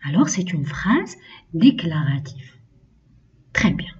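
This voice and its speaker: A woman with an Algerian accent teaching French to young children, speaking slowly, repeating key phrases and switching into Algerian Arabic to explain. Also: low voice, sing-song. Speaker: primary school French teacher. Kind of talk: classroom lesson for children. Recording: distant, dull lo-fi recording.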